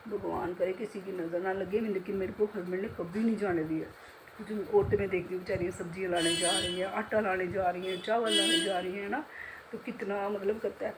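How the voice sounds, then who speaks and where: A chatty middle-aged woman talks to her viewers from home, rambling easily and laughing at herself. Her voice sits at an ordinary pitch, with a faint hiss of background noise under it. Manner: chatty, laughs often, self-mocking. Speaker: vlogger, beauty salon owner. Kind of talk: casual home vlog chat.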